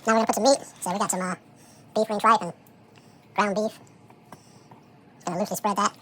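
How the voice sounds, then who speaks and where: A home cook talking through a how-to while preparing food, relaxed and thinking aloud with frequent fillers, played back as a sped-up chipmunk voice. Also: slight background noise. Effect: sped-up chipmunk voice, high and fast. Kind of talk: casual how-to commentary while working.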